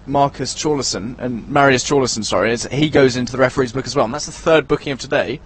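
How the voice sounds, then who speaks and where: A man's voice: medium pitch, fast talker, slight background noise. Guy calling a football match live outdoors, chatty, keeps tripping over names. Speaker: football commentator.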